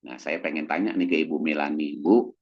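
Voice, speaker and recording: Deep husky guy, doctor doing a chill church talk, voice swings all over, kinda muffled lo-fi sound. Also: brisk. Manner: animated, acts out quoted voices in a raised pitch. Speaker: doctor guest speaker. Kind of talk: casual church talk on mental health.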